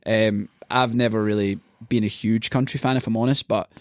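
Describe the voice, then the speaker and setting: A Scottish man from Scotland, a podcast guest, telling stories in an animated, casual way. He swears freely and laughs often. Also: fairly low pitch, moderate pace, dry recording, studio quality. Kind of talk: casual storytelling.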